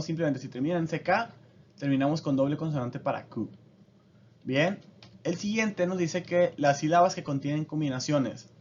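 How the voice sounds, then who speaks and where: A man teaching a casual lesson, explaining step by step and often checking in with his listeners. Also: fairly high pitch. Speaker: language teacher. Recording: dull lo-fi audio.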